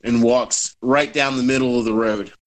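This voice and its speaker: A man's voice: medium pitch, fairly even intonation, normal speed, rough recording. A man playing a tabletop game, describing his character's moves in a laid-back way. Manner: laid-back, rolling dice and narrating actions. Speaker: player.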